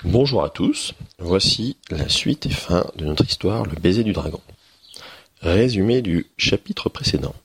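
A male schoolteacher reading a children's story aloud with expressive storytelling. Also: sits low, measured pace, slightly rough.

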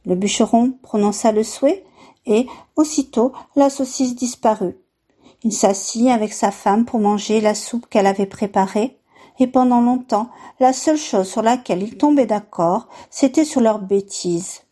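A woman hosting a youth literature program, reading a tale aloud in a clear, measured storytelling voice. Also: a little high, mellow. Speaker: radio program host and reader. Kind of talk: scripted narration of a tale and book review.

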